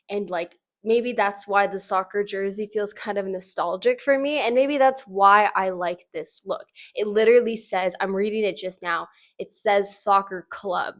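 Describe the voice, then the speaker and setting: A woman with a mid-range voice hosts casual fashion commentary. She talks in a chatty, informal way, offering personal opinions and often dropping "like" into her sentences. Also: medium pitch. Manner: informal, conversational, frequent "like" as emphasis.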